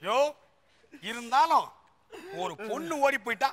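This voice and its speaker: Give me a high-voiced male comedian yelling through a sketch on a noisy stage. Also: measured pace. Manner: loud, exclamatory, whiny. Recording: noisy stage with audience crowd.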